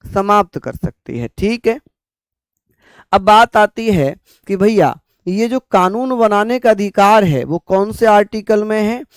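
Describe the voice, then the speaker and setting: A man's voice: high-pitched, takes it slowly, smooth, dry recording. A young man teaching an online exam-prep lecture, repeating points and calling students his brothers and sisters.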